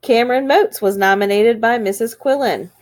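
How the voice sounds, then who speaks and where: A woman's voice: a little high, normal speed, a little mellow, a little hiss or hum. A woman reading school morning announcements in an upbeat, sing-song way.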